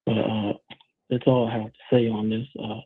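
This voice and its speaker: A man's voice: lowish voice, flat delivery, moderate pace, breathy edge, no echo. A man from Virginia calling in to a live show over a muffled Bluetooth phone line, speaking hesitantly with many ums and restarts. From Virginia, USA. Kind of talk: call-in commentary. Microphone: Bluetooth headset on a phone call.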